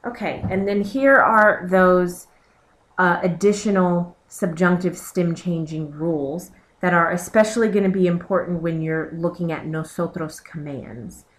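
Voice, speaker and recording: A woman's voice: lowish voice, unhurried. A woman teacher narrating a recorded slideshow lesson, explaining step by step and pointing to examples on the slides. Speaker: Spanish teacher.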